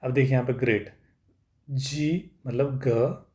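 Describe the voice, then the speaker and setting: Man sounding out English words slowly. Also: mid-range voice, fairly even intonation, mellow. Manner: patient, drawn-out syllable by syllable sounding out; frequent checking-in tags after each point. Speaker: English teacher. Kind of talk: spoken English lesson.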